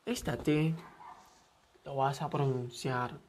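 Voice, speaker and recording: A man giving a pronunciation lesson at an unhurried, deliberate pace. He repeats each word patiently for his students to practice. A faint hiss of noise sits under his voice. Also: mid-range voice, fairly even intonation, darkish tone. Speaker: English teacher.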